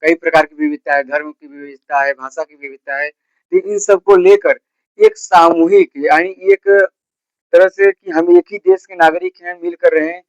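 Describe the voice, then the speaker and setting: A man teaching a school history class. He asks his students questions and answers them himself, and he repeats the key terms slowly. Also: on the high side, steady tone, no room sound, highs cut off. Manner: repeats key terms slowly, with a filler word after each point. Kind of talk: classroom lecture.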